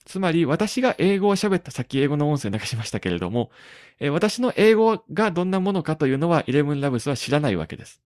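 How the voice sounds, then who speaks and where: A man hosting a tech podcast in casual talk, pausing often on drawn-out fillers between phrases. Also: fairly high pitch, big pitch swings, darkish tone, dry recording, studio quality. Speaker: podcast host.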